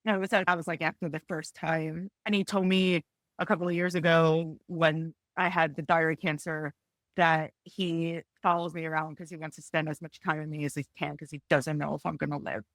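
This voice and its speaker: A woman in her forties sharing a personal story on a panel, tearful and halting, with frequent restarts and apologies. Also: low-pitched, little pitch movement, no room sound. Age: 40s. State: tearful, close to crying. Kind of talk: emotional personal testimony on a panel.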